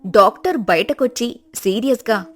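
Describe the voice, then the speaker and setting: A woman narrates an animated family story in a dramatic, scripted way. Her voice is high. Light music plays in the background. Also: normal speed.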